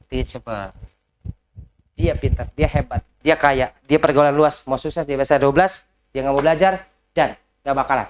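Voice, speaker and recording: A man coaching a group indoors in an animated, motivational style. He keeps asking the room rhetorical questions and mixes English business phrases into what he says. His voice sits at a middling pitch. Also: normal speed, slight background noise. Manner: lively, talks straight to the audience with rhetorical questions. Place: indoor session in a house.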